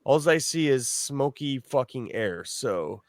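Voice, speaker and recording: A man's voice: medium pitch, expressive, slow, dry recording, clean studio sound. A man co-hosting a podcast in casual chat, laid-back and jokey with plenty of swearing, from the northern US. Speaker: podcast co-host.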